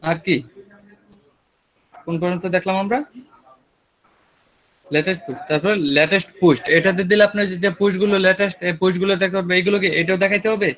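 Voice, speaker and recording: A man's voice: sits high, fairly even intonation, fast, pauses often, a bit bright, poor audio. A man with a Bangladeshi Bengali accent teaching an online web design class, talking casually and checking in with his students, his throat a bit sore. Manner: casual, talks students through screen steps with checking questions.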